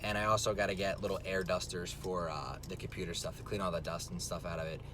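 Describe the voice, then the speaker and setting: A man's voice: flat delivery, quick pace. A young man from New Jersey, filmed on a phone while driving, chatting loosely and rambling with lots of filler words. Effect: filmed on a phone in a moving car. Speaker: vlogger. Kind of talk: casual vlog chat while driving. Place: inside a car on the road. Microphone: phone camera mic. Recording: phone video with loud car rumble. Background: vehicle engine and road rumble.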